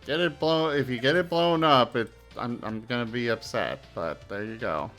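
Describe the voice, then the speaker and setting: A man's voice: medium pitch, normal speed, a bit bright, soft background music. A man hosting a casual gaming livestream, talking upbeat and easygoing over headset audio. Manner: upbeat greetings, easygoing and chatty. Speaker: streamer host.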